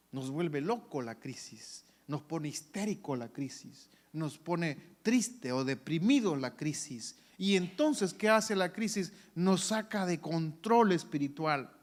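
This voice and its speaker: Male pastor preaching, fairly high pitch with a lively swinging delivery, acts out story voices. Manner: animated preaching that swings from loud to hushed. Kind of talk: sermon.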